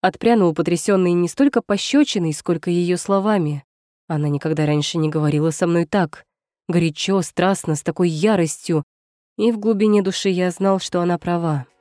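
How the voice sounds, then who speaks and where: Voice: medium pitch, moderate pace, darkish tone, no room sound, studio quality. An audiobook narrator reading a first-person romance in a tense, brooding, dramatic way.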